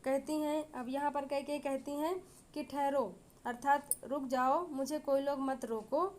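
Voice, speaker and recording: A woman's voice: high-pitched, fairly even intonation, a little slow, darkish tone. A woman teacher explaining a classic Hindi poem line by line, reading verses and then paraphrasing them with frequent fillers. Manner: reads verses aloud, then paraphrases in plain words with many fillers.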